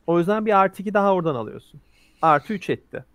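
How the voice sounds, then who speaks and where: A man's voice: high-pitched, lively intonation, fast, a bit bright, clean tone, dry recording. A man running a tabletop role-playing game, explaining rules and narrating action scenes vividly. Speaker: game master.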